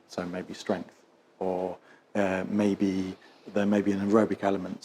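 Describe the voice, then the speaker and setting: A male osteopath and instructor asks case-history questions and gives explanatory teaching, hesitant in manner and often repeating and rephrasing himself. His voice is fairly low and warm, with a little hiss or hum in the recording.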